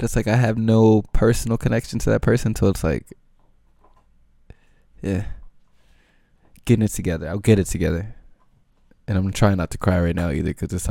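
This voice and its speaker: A man's voice: low-pitched, vocal fry, warm tone, no room sound. A man hosting his own podcast, rambling in loose, slangy casual chat with lots of filler words. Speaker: podcast host.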